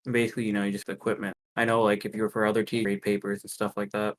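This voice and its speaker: A young man co-hosting a casual review podcast, halting and full of fillers, joking between points. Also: lowish voice, flat delivery, a little hiss or hum. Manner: halting, filler-heavy, jokey. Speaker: podcast co-host.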